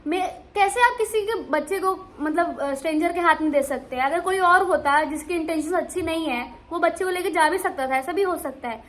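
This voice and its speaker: A young woman vlogger casually telling a travel story, animated and full of restarts. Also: extremely high pitch, brisk, hardly any pauses. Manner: animated, many restarts and fillers.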